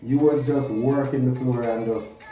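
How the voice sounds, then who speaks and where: A man's voice: mid-range voice, steady tone, measured pace, mellow. A man hosting a radio interview in a studio, upbeat and repetitive, restarting his sentences. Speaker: radio host. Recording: echoey, distant, with music.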